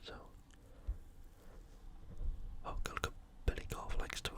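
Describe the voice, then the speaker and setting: Whispering without voice, a UK-based ASMR commentator runs through fight previews, occasionally halting mid-thought.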